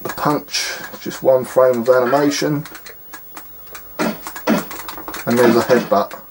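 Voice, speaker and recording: A man's voice: mid-range voice, darkish tone, slight background noise. Exasperated man reviewing a game. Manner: exasperated, scornful, rambling with fillers. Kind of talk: casual gameplay commentary.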